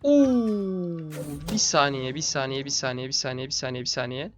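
A young man giving casual, low-key commentary on a strategy game late at night, sounding tired and chatting to the game's characters like buddies. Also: little pitch movement, fast, a bit bright, soft background music. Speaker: gaming channel host.

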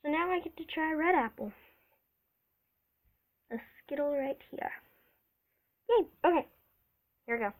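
A woman's voice: high-pitched, expressive, normal speed, pauses often, poor audio. A woman vlogging a casual taste test, chatty and eager, reacting aloud as she tries each one.

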